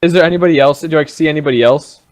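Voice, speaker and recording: Man, tabletop player, higher voice, excitable, cursing. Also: rapid-fire. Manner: excitable, heavy swearing. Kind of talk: casual tabletop role-play chat.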